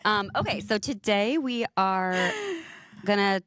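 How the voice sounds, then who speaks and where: A woman's voice: mid-range voice, takes it slowly, fairly bright tone, slight background noise. A young woman co-hosting a podcast, rambling and self-deprecating in casual chat. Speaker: podcast co-host.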